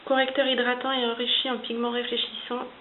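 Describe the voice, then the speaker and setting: A woman's voice: on the high side, flat delivery, brisk. Chatty woman on a hissy, tinny recording. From France. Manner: chatty, frequent hesitations. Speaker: beauty vlogger. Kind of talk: casual product review. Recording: hissy lo-fi home video, phone-like.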